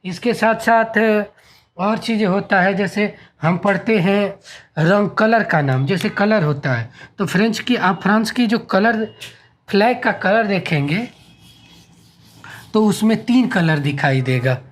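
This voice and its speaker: Slow Indian man teaching French. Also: high-pitched. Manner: slow, halting delivery, spelling out and repeating words. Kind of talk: classroom language lesson.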